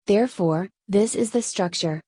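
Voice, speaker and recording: A Spanish woman, a native Spanish speaker, explaining Korean grammar in English with a Spanish accent, in steady step-by-step scripted narration. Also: mid-range voice, normal speed, husky, no echo. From Spain. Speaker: Korean language teacher.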